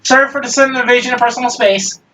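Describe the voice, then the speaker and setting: A man's voice: very high-pitched, steady tone, racing, pushed and bright, pitched above the performer's own voice. A man voicing a cheerful, polite android girl who talks in a formal, chirpy, apologetic way. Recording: distant mic, faint music.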